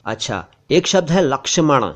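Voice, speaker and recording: A middle-aged man teaches pronunciation with a voice of ordinary pitch. He says each word slowly and carefully, then repeats it to set the right sound apart from a common mistake. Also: animated. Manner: slow, careful, repeats words to correct them. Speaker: language teacher. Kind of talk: pronunciation lesson.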